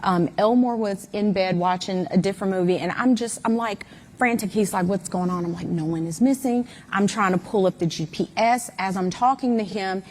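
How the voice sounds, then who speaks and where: A woman's voice: mid-range voice, normal speed, darkish tone, slight background noise. A mother giving an interview guest's candid, emphatic account of events, with many fillers.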